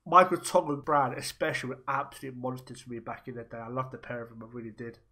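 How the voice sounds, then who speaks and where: A young man hosting a casual podcast interview, chatty and quick with rapid-fire questions. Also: medium pitch, fairly even intonation, bright, forceful tone. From raised Welsh, born in Germany. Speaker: podcast host.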